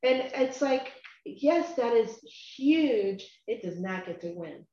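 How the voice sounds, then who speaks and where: An earnest woman talks through scripture in a casual, rambling way, her voice a little high. The sound is echoey and muffled, like a lo-fi recording in a bare room. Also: slow pace. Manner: earnest, animated, rambling with sudden drops to quiet. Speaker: Bible study host. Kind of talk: casual faith discussion.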